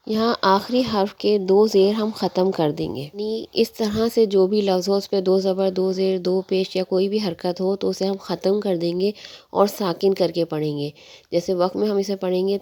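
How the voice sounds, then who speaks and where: A woman with a Pakistani Urdu accent teaching a tajweed lesson, explaining step by step and slowly chanting verses as examples. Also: medium pitch, mellow. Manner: patient, step-by-step explanation, slow melodic recitation of verses. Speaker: Quran recitation teacher.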